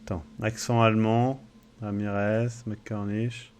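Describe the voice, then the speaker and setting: A man's voice: on the low side, little pitch movement, slow. Chatty young man streaming a game. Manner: chatty, swears often, reads text aloud. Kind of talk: casual live-stream commentary.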